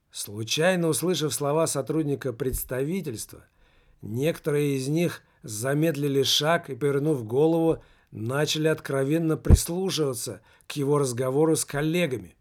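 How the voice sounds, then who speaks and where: A man's voice: medium pitch, a little mellow. A man narrating an audiobook, voicing the dialogue with raised, emphatic delivery.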